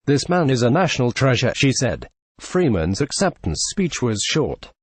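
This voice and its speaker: A man's voice: medium pitch, sing-song, moderate pace, husky, no room sound. Man reading a news report, dry. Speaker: news narrator. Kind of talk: scripted news narration.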